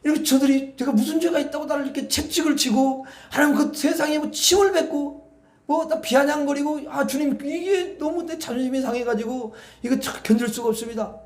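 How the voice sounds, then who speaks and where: A man's voice: extremely high pitch, a little fast, reverberant, pitched above the performer's own voice. A man voicing Jesus as a grown man pleading aggrieved to God, in a raised prayer voice.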